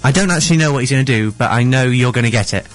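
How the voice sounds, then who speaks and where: A man's voice: medium pitch, very fast, soft background music. A young man presenting a radio show in a casual, chatty style as co-host.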